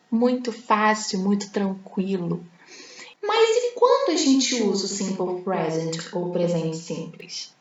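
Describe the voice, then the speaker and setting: A Brazilian woman with a fairly high voice explains English grammar in a video lesson, slowing right down for each example sentence. The recording is echoey and a little dull. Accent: Brazilian Portuguese. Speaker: English teacher. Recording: echoey room, slightly dull sound.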